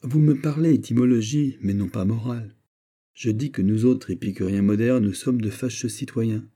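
A man's voice: mid-range voice, moderate pace, warm tone, close to an everyday voice. A man voicing a cautious, earnest scholar who raises worried objections in an audiobook. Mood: objecting. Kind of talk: audiobook character voice.

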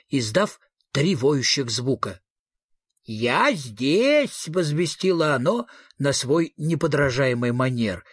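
Husky man, lively storytelling. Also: mid-range voice, no room sound, studio quality. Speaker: audiobook narrator. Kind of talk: expressive audiobook narration.

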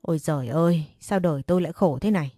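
A woman voicing a furious, wailing middle-aged mother who scolds and curses in a shrill way, read as an audiobook story. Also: fast, mellow, dry recording, studio quality, soft background music.

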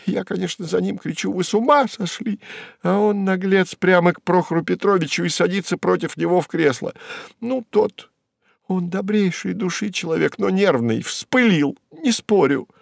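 A man's voice: normal speed, gravelly, dry recording, studio quality. A man voicing a young, pretty female secretary who is hysterical and weeping, her voice a little nasal from crying. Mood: agitated. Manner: shrill, frantic exclamations. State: sobbing.

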